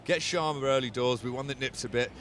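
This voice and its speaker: English man, cricket pundit, fast talker, bright voice, dry self-mocking humour. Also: mid-range voice, a little hiss or hum. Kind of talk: joking cricket panel chat. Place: outdoors at a cricket ground.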